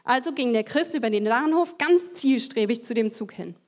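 A woman delivers a testimony sermon to a church audience. She tells her story vividly and acts out the voices she quotes. Her voice sits a little high. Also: animated, normal speed, darkish tone. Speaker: lay preacher.

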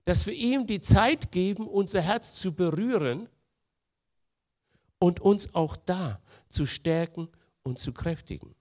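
Male preacher, slightly high voice, earnest, shifts from hushed to emphatic. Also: expressive, takes it slowly. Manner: earnest, swings between soft and emphatic. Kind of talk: sermon.

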